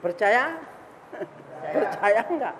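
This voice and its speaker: A man's voice: sits high, big pitch swings, takes it slowly, a crowd in the background. A male religious teacher giving an informal, teasing sermon to a study group, laughing often and singing the ends of verses, recorded in an echoey hall. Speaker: ustaz leading a Quran study. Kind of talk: informal sermon with Quran recitation.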